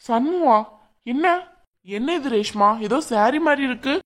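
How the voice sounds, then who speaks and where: A woman with a slightly high voice coaxes and questions someone gently in a family drama. She is acting in a domestic scene at home. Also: animated, unhurried. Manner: coaxing, questioning. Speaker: concerned mother-in-law figure in a family drama. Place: indoors at home.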